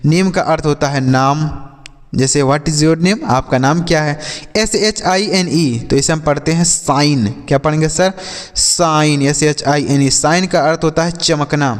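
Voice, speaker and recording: A man's voice: fairly high pitch, unhurried, big-room sound. A man teaching a lesson, spelling words letter by letter, asking questions and answering them himself. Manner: addresses viewers as friends. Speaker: English teacher. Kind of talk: classroom-style lesson.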